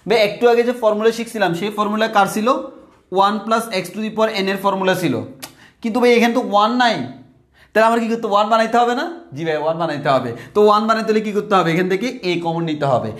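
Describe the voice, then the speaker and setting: A man tutoring math at a whiteboard, calling students brother, repeating phrases and slowing down on formulas. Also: high voice, fairly bright tone, reverberant. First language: Bengali.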